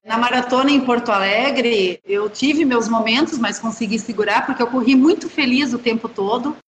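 A woman, a journalist and runner, telling stories in a chatty, animated way as an interview guest. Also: fairly high pitch, normal speed, reverberant, slight background noise. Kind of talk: casual interview chat.

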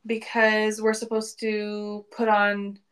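A woman's voice: medium pitch, monotone. Chatty woman podcast host. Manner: quick, chatty questions with affirming murmurs. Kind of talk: casual interview.

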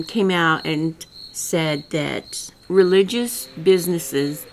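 Speaking in a deep voice over a faint hiss or hum, the host of her own podcast, an older woman from rural Southwest Missouri, offers political commentary on her own. Her rural Missouri accent comes through in a folksy, rambling, earnest monologue.

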